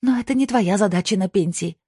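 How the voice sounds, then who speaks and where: A narrator voicing an angry older wife who shouts and scolds her husband in a shrill voice, with a husky tone. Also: fast talker, no echo, studio quality, close to an everyday voice. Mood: scolding.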